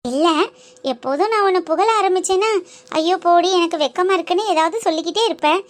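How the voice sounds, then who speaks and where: A woman's voice: very high voice, fast talker. A woman voicing a cheerful, chatty young daughter in a family cartoon, coaxing and playful with her mother. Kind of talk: cartoon voice acting.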